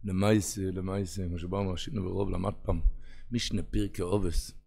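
A man giving a religious lecture, telling parables and acting out their characters, moving between hushed and loud. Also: deep voice, little pitch movement, gravelly. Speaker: rabbi.

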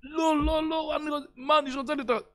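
A man's voice: high-pitched, pitched above the performer's own voice. A man putting on a wailing, desperate young bachelor. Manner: wailing, shouting, insistent. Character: desperate unmarried young man pleading to be betrothed.

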